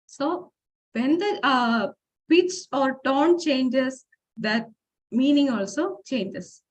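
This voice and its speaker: A woman's voice: sits high, extremely slow, lo-fi sound. A woman giving an informal lecture presentation, explaining step by step with fillers and restarts, and reading example phrases aloud. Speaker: forum speaker.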